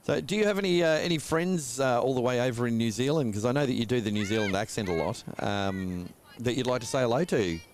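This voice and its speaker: A man's voice: medium pitch, fast talker, few pauses, a little hiss or hum. A man doing casual live cricket commentary, full of teasing banter.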